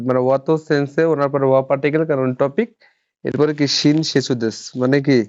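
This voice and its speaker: A man's voice: mid-range voice, darkish tone, no room sound, lo-fi sound. A man teaching a live online grammar lesson, patient, repeating terms and quizzing his students. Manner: patient, repeats terms and asks the class questions. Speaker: Japanese language teacher.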